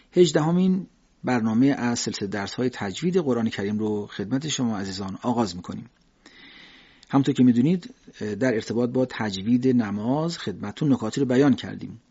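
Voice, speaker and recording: Gravelly man teaching recitation on radio. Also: lowish voice. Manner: calm explaining, with recited verse examples. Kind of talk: radio lesson on recitation rules. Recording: dull lo-fi radio recording.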